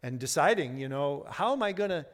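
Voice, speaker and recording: A man in his sixties preaching a sermon as pastor, earnest, often repeating words, moving between hushed lines and fervent ones. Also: on the high side, lively intonation, fairly quick, big-room sound. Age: 60s.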